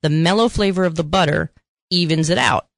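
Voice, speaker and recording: A woman's voice: lowish voice, fairly quick, vocal fry, no room sound. Chatty, opinionated woman on a dry mic. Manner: chatty, opinionated, playfully bossy. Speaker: podcast co-host. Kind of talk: casual chat.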